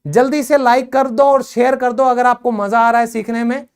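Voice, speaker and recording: A woman teaching English in a video lesson, quizzing her learners and urging quick answers, repeating each word slowly for drill. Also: on the high side, steady tone, smooth. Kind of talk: classroom-style video lesson.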